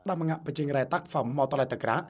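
A man giving scripted narration for a television feature, reading in a steady, even way. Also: fairly high pitch, quick pace. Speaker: news narrator.

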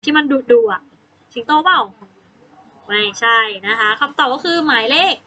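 A woman teacher with a Thai accent, patiently leading a children's English lesson and spelling words out sound by sound with gentle prompting questions. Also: high voice, lively intonation, normal speed, poor audio. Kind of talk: slow, patient classroom instruction.

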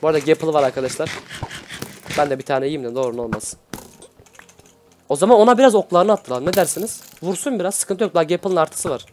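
A young man from Adana giving excitable, slangy live commentary over a video game for his channel's viewers. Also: fairly high pitch, fast talker, long pauses, slight background noise. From Adana, Turkey. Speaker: gaming YouTuber.

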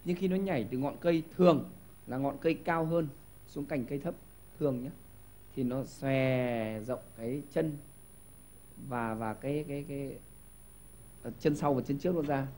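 A man hosting a TV quiz show in a studio, giving lively hints and often stumbling over repeated words. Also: mid-range voice, normal speed, pauses often, a little hiss or hum. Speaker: game show host.

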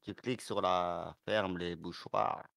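A man playing a farming game with friends, calmly explaining the steps. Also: low voice, takes it slowly, creaky, no room sound. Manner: calm, explains steps patiently. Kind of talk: casual gaming chat.

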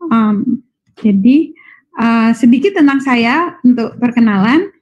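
A woman from Malang, Indonesia, guest lecturing as a university professor, gives an informal, improvised and somewhat hesitant online lecture over a video call. Her accented voice is fairly high, animated, darkish and slightly rough, and she takes it slowly. The video call microphone makes the audio slightly dull.

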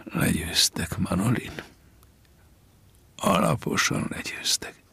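A man voicing a weary, beaten old fisherman with a low, gravelly, hushed voice. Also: wildly swooping pitch, dry recording, full character voice. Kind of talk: audiobook character voice.

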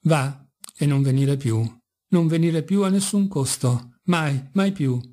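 A man voicing a stern ninety-year-old inquisitor in an audiobook, speaking slowly and gravely. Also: fairly high pitch, dark tone.

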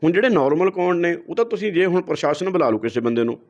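A guest with a Punjabi accent gives heated interview answers, lecturing and firing off rhetorical questions. His voice is high-pitched, very fast and darkish, captured on a dull lo-fi recording.

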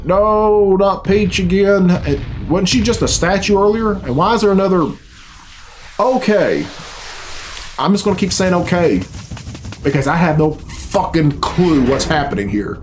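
With a little hiss or hum on the recording, the middle-aged man reacts in a high-pitched, lively voice at a measured pace. He's a reaction video host at his home computer in a small room, bluntly and bemusedly swearing through unscripted commentary as game cutscene music plays.

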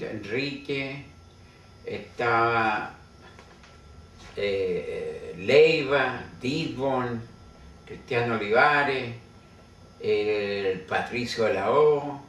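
Slow, musing older man in an echoey room. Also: mid-range voice, animated, a bit bright. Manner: slow and musing, with hesitant fillers. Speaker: painter and writer. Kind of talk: reflective storytelling narration. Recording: echoey, distant mic with noisy ambience.

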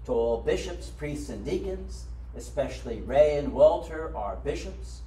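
Solemn older priest, echoey chapel. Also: male voice, fairly high pitch, lively intonation, mellow. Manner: measured, solemn reading of set prayers. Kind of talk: liturgical prayers at the altar. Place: small chapel room. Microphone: far camera. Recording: echoey room from far off.

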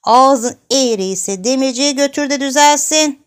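Woman doing a grumpy old granny, eighty and half deaf, scolds loud and high, storybook reading. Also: measured pace, clear, resonant tone. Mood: angry scolding. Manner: scolding, grumbling. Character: eighty-year-old hard-of-hearing great-grandmother, quick-tempered.

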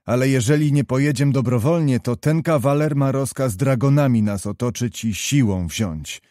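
A man's voice: medium pitch, normal speed, dark tone, no echo, studio quality, lightly acted. Man reading as a blustering older country nobleman. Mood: grumbling.

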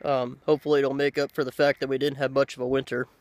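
A man in his thirties chatting casually to the camera outdoors, unhurried and halting, with pauses. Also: medium pitch, level tone, dry recording. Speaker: pipe-smoking video blogger. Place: outdoors by a lake in woods. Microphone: handheld camera at arm's length.

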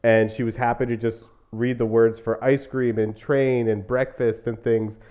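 A man's voice: mid-range voice, little pitch movement, normal speed, mellow, clear, resonant tone. A man hosting a podcast, telling stories in a chatty way full of casual fillers. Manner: chatty storytelling with frequent "like" fillers. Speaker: podcast host. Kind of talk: casual conversational interview. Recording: slightly muffled podcast audio.

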